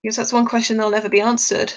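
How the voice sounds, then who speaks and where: A woman's voice: a little high, flat delivery, very fast, rough recording. A woman chatting casually on a live stream while she draws, a bit tired, rambling and laughing often.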